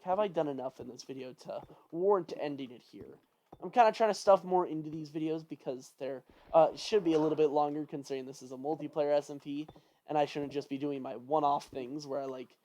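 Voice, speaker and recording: A game commentator talking through a play session in a loose, rambling way, often stopping to think out loud. There's a fretful edge as they fuss over whether things in the game went wrong. Everyday speaking pitch, nothing unusual about the voice itself. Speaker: gameplay commentator. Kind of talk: casual let's-play commentary.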